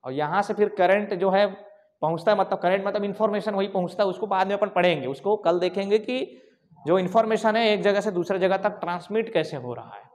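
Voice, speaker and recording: Teaching a live online coaching class recorded over slides, a man with a high, slightly mellow voice speaks fairly quickly. He's informal, calling students "bhaiya" and "bhai," and relies on repetitive call-and-response, asking questions and then answering them himself.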